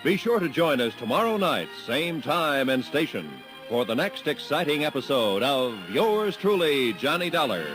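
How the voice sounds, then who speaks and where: A man's voice: very animated, normal speed. A male radio announcer giving the formal closing credits of a 1950s drama series. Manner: formal, booming. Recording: old radio transcription with music under.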